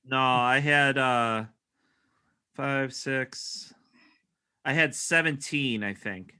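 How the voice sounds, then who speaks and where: A man's voice: mid-range voice, extremely slow, sharp tone, clear, resonant tone. A man co-hosting a podcast, chatting casually and admitting he is unsure of his answers. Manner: self-deprecating, unsure. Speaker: podcast co-host. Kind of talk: casual chat.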